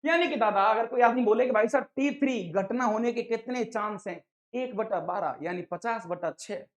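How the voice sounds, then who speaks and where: An online maths teacher explaining probability to exam students in a lively, playful lecture, talking to them as sir and dada. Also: female voice, a little high, normal speed.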